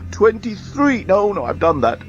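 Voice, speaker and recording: A man's voice: high voice, big pitch swings, moderate pace, lo-fi sound, faint music behind, voice pushed up. A man voicing a whiny talking bomb that moans while it counts down, in a storybook reading. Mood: moaning. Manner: moaning, sulky countdown.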